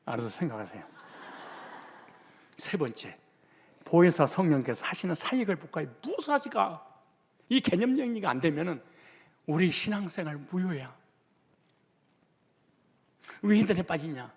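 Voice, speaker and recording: A man's voice: a little high, big pitch swings, normal speed, pauses often, darkish tone, slightly rough. A man preaching a sermon as pastor in a church sanctuary, emphatic, firing rhetorical questions at the congregation and slipping into blunt casual speech. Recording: long church hall reverb.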